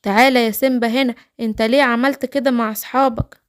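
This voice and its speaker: A woman's voice: on the high side, steady tone, clear, resonant tone, lightly acted. A woman with an Egyptian accent voicing caring, scolding animal mothers in a children's cartoon story. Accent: Egyptian Arabic. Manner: brisk motherly calling and scolding.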